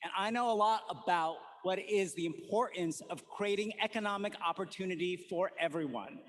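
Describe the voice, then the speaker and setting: Man in his forties, high-pitched, earnest conference keynote speaker telling personal stories. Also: a little fast, a little hiss or hum. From United States. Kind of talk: prepared keynote talk.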